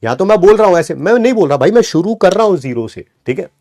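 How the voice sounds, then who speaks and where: With a high-pitched, slightly mellow voice full of big pitch swings, a man talks fast as he teaches chemistry in an online class. He encourages everyone, drops in English words, and counts aloud at the board before answering his own questions like a student.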